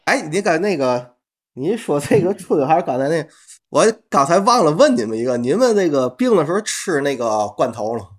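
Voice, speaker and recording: Male podcast co-host, Tianjin accent. Highly animated delivery, casual comic banter, earthy everyday wording. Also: normal speed. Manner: colloquial, mildly profane.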